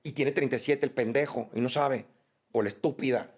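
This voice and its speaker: A Mexican man speaking as an interview guest, blunt, profane and animated in candid conversation. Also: medium pitch, fairly quick, slightly rough.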